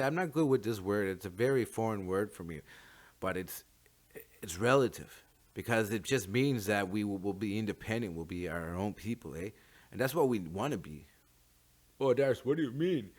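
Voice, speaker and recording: A man with a deep-pitched voice and a First Nations Canadian accent speaks off the cuff as a host sharing his views. He is informal and halting, often doubling back on words as he thinks aloud. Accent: First Nations Canadian English. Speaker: talk show host. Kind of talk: unscripted opinion monologue.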